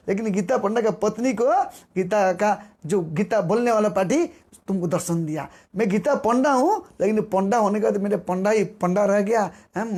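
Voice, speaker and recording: A man with a notably high voice preaches through a devotional tale. He repeats phrases for emphasis and slips into the voices of the people in the story, keeping the telling animated throughout.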